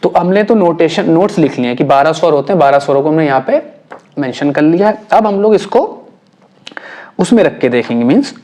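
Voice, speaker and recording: A male music teacher walks through chord theory at an easy pace, repeating each step and asking if it is clear. His voice sits a little high for a man. He sounds like he is writing as he talks. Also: animated, fairly quick, dark tone. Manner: patient, repeats points and checks understanding often.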